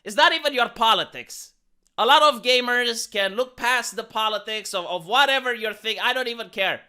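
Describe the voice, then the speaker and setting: A man's voice: very high voice, normal speed, sharp tone, clean tone. A YouTuber man ranting in sarcastic, indignant commentary, often repeating words as he gets worked up.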